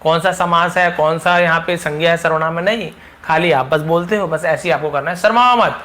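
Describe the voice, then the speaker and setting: A man giving a spoken English lesson, explaining patiently, repeating each example and saying the English sentences slowly and deliberately. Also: fairly high pitch, pushed and bright. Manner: chatty, addresses learners directly. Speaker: English teacher.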